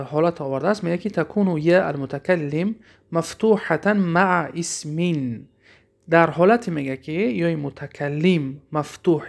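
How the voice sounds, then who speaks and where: A man with a Tajik accent teaching grammar in a classroom lesson, reading phrases slowly and then explaining them quickly with questions to his listeners. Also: fairly high pitch, creaky. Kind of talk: classroom lesson explaining Arabic text in Persian.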